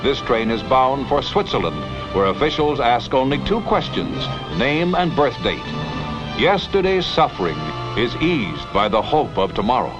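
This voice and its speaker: A man's voice: medium pitch, sing-song, normal speed. Dramatic old newsreel announcer, man. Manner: dramatic, emphatic announcer delivery. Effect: old newsreel sound. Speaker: newsreel narrator. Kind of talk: scripted newsreel narration. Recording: dull lo-fi vintage newsreel audio with music. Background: music.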